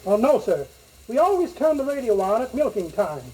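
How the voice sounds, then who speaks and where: A man's voice: extremely high pitch, big pitch swings, a little fast. A man playing a polite, officious dairy attendant in a 1940s radio comedy. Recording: noisy old 78 record.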